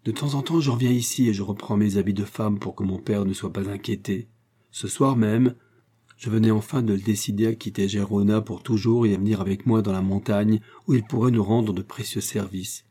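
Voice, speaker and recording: A man's voice: lowish voice, steady tone, fairly quick, warm tone, slightly rough. A man voicing a fierce young Spanish woman, a vengeful guerrilla fighter, speaking with burning hatred in an audiobook. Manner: burning, hateful, hissing delivery. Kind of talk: audiobook character voice.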